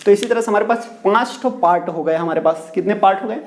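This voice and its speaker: Speaking quickly in a voice that sits high and a little mellow, a male teacher runs a pronunciation lesson in class. He asks and answers his own questions and repeats the key words. Echo fills the room.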